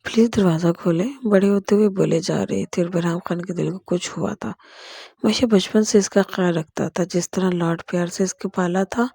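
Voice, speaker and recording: A woman's voice: lowish voice, steady tone, vocal fry, dark tone, breathy edge, no room sound. A woman narrating a romance novel in a casual, unpolished storytelling style. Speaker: novel reader.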